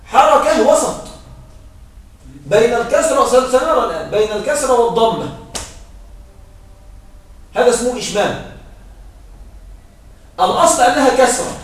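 A male teacher giving a classroom grammar lesson, explaining patiently, repeating his points and checking that a student follows. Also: extremely high pitch. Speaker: Arabic morphology teacher. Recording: very echoey room, voice heard from far off.

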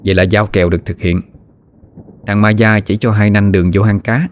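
Low-voiced man telling a ghost tale. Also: brisk, slight background noise. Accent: Southern Vietnamese. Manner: lively, vivid folk storytelling. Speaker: narrator. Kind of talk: scripted storytelling narration.

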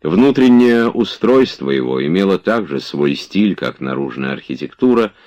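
A man narrating a classic novel as an audiobook, in a measured storytelling manner. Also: deep voice, sing-song, a little mellow, muffled recording. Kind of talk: scripted literary narration.

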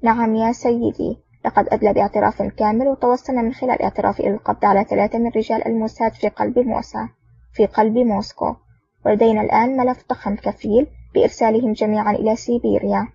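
A woman's voice: a little high, fairly even intonation, fast talker, gravelly, mellow, slightly rough, no echo. A woman reading a flustered male Soviet officer. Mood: nervous. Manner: eager, flustered. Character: anxious ambitious male Soviet security officer. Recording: dull lo-fi audio.

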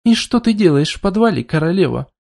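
A man's voice: high voice, normal speed, darkish tone. A man voicing a teasing horned, tailed warrior woman. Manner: mocking, sly, offhand.

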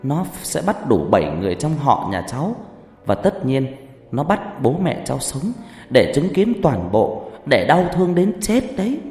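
A man's voice: mid-range voice, wildly swooping pitch, moderate pace, a little mellow, voice pushed up. A man voicing a stern old female shaman who speaks in a grave, admonishing way. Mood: grave warning. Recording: reverberant hall with background music.

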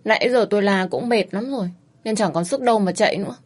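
A woman narrating a first-person story in a lively, expressive reading. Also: medium pitch, quick pace.

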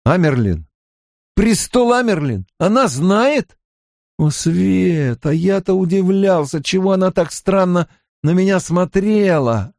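A man's voice: high-pitched, lively intonation, takes it slowly, a little mellow, no room sound, clean studio sound, voice pushed up, exaggerated voice. A man voicing a troubled young man who speaks heatedly in an audiobook reading.

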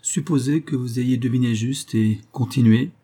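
A man's voice: mid-range voice, moderate pace, dark tone, close to an everyday voice. A man voicing a young male abbé and painter who talks in a joking, proud way in an audiobook. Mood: bantering. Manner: bantering, proud. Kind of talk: audiobook character voice.

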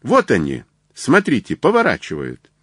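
A man's voice: medium pitch, huge pitch swings, fairly bright tone, breathy edge, no echo, clean studio sound, pitched above the performer's own voice, exaggerated voice. A man reading the part of a composed, unflappable middle-aged detective in a storybook reading. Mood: calm. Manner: unflappable, measured.

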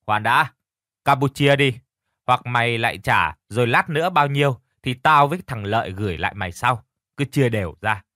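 A man voicing a blunt, quick-tempered young male student who stammers and talks forcefully. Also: mid-range voice, animated, no echo, studio quality. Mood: earnest.

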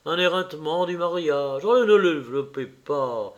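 A man's voice: fairly high pitch, expressive, moderate pace, lo-fi sound, close to an everyday voice. A man reading an audiobook voices an earnest, impulsive young man who speaks with heightened emotion. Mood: pleading.

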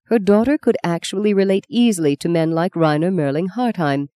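A woman narrating a novel in a calm, even reading voice. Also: lowish voice, brisk. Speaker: audiobook narrator. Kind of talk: scripted narration.

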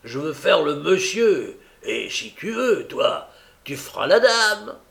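A man reading an audiobook, voicing a boastful, swaggering young man with brash, loud outbursts. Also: fairly high pitch, very animated, unhurried, gravelly, pitched above the performer's own voice, heavily acted. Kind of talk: audiobook character voice.

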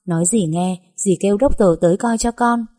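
A woman's voice: medium pitch, brisk, close to an everyday voice. A woman voicing a doting older matron. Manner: gentle, coaxing, motherly scolding. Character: kind fussing older landowner's wife, doting.

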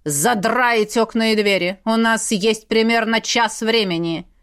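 A woman's voice: a little high, a little slow, a bit bright, clean tone. A woman voicing a stern aristocratic father in an audiobook, giving curt, clipped orders. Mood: commanding. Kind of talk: audiobook character reading.

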